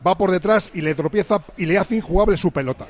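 A Spanish radio pundit argues his point adamantly, his voice pitched high. He talks fast and will not give ground. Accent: Spanish from Spain. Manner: adamant, arguing a refereeing point. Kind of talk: radio football debate.

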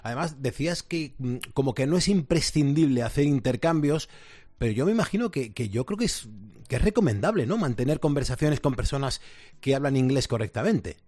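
A man's voice: mid-range voice, lively intonation, brisk, dark tone, no echo. A man, interviewing a guest in a conversational, reflective way. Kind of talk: interview questions.

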